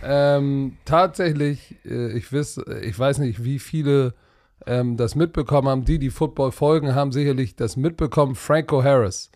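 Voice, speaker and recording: A man's voice: mid-range voice, moderate pace, a little mellow. A man hosting a podcast in a casual, chatty style. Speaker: podcast host.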